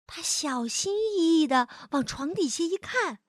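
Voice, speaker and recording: With expressive swoops in her high voice, a woman reads a children's story at a measured, unhurried pace. She draws out the particles at the ends of her sentences, and the close recording is completely dry.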